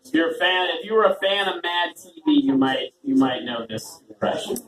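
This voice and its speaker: A man hosts a small open mic and performs rambling, self-deprecating stand-up, laughing frequently. His voice is high, bright, and expressive at a moderate pace, picked up from a distance in a roomy recording amid a talking audience.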